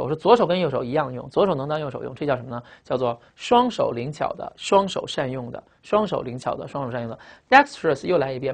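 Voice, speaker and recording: With a fairly high-pitched voice, a man teaches English vocabulary to exam students. He repeats each word along with its meaning, tags his lines with "ah," and keeps firing quick questions at the class.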